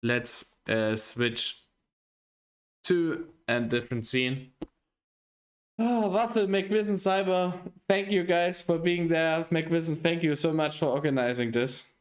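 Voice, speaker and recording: Slow-talking man hosting a race stream. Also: a little high. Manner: slow, relaxed, jokey, self-deprecating. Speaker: race commentator and stream host. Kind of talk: live race broadcast commentary.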